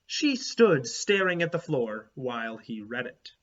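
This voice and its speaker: A man reads a children's book aloud like a teacher, storytelling in an animated, emphatic style and adding asides for young listeners. His voice is medium-pitched and unhurried, and the recording has its highs cut off.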